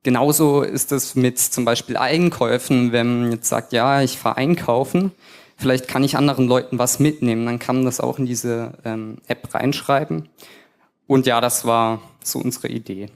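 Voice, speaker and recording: Male presenter at mid pitch, pitching a project with a halting, unsure delivery. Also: fairly even intonation. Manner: hesitant, many fillers and restarts. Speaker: team presenter at a hackathon.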